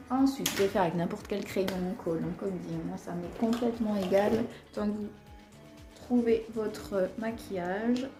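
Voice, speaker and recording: A woman's voice: medium pitch, a little slow, echoey room, over music. A woman with an Alsatian accent chatting casually through a makeup tutorial, talking while she applies her makeup, with lots of fillers. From Alsace, France. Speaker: beauty vlogger.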